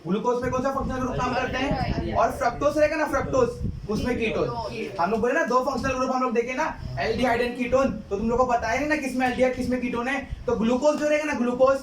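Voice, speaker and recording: A man's voice: very high voice, steady tone, quick pace. A male chemistry teacher lecturing a class, repeating points and quizzing students with questions. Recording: echoey classroom, distant mic, student chatter.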